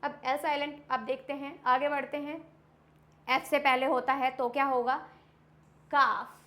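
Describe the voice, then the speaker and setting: A young woman teaching a lesson, repeating example words clearly and often checking that the class has understood. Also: high voice. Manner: checks understanding with frequent quick questions. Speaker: English teacher. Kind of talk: classroom-style lesson explaining silent letters.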